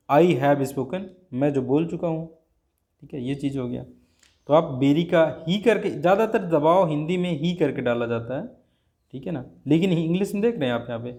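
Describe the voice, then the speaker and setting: A man's voice: a little high, dark tone. A male teacher giving a grammar lesson, explaining step by step and often checking with his students.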